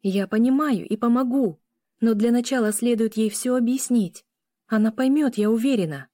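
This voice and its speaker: A woman voicing a gentle, peacemaking she-wolf sister in an audiobook, soft and soothing. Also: on the high side, moderate pace, no echo, clean studio sound, pitched above the performer's own voice, natural voice.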